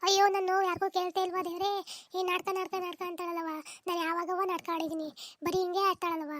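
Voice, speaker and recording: A woman's voice: very high voice, flat delivery, fast, a bit bright, slight background noise. A woman voicing a complaining, self-pitying elderly mother-in-law in a comic cartoon, bickering and lamenting melodramatically. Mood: wailing.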